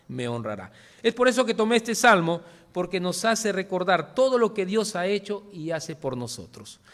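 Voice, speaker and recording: A man delivers a church sermon in a somewhat high voice. He speaks earnestly in short phrases, keeps turning to his listeners with a questioning tag, and repeats his points for emphasis. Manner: earnest, often adds a questioning "¿no?" and addresses listeners as "hermanos". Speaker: preacher.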